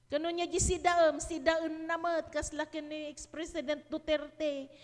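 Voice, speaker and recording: A very high-pitched woman with an Ilocano accent preaches in a church hall, taking her time over each phrase. Her voice carries a long reverb from the room, and she slips between Ilocano and English as she builds emphasis. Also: little pitch movement, unhurried. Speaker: pastor. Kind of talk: sermon.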